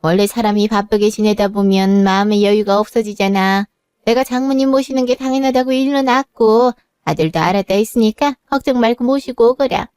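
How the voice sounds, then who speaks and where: A woman's voice: medium pitch, a little fast, a little mellow, clean tone, no echo, clean studio sound, lightly acted. A woman voicing an older mother-in-law who speaks in a firm, motherly, scolding way. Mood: firm, caring. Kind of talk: narrated drama voice acting.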